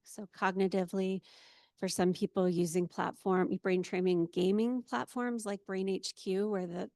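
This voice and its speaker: A woman clinician speaks on a panel in a steady, explanatory way. Her delivery stays flat in pitch, with a gravelly edge and a dark, mellow tone. The sound is dry and close. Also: no echo. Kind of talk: panel talk.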